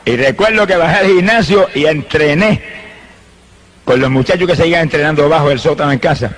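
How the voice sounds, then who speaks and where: A man's voice: a little high, fairly quick, slight background noise, low-quality recording. A man from Rico, an evangelist giving a fervent sermon testimony and breaking into praises. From Puerto Rico.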